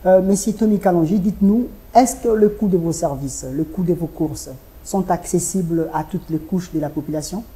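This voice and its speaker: Dark-voiced woman hosting a web show. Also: lowish voice. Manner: formal, measured questioning. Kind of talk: scripted interview questions.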